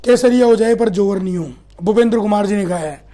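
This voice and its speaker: Male teacher, Rajasthani accent, high voice, chatty and teasing, live online class. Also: fairly quick, dark tone. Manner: chatty teasing teacher, quizzes students and rhetorical questions. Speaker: history teacher. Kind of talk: live online class reading student comments.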